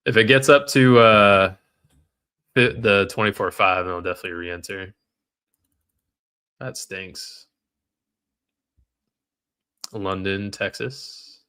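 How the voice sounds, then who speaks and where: Guy on a trading livestream, lowish bright voice, grumbles at the chart and reads chat. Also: slow pace, pauses often, clear, resonant tone. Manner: frustrated, talks to chat while reading comments. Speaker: livestream trader. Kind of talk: live trading stream chat.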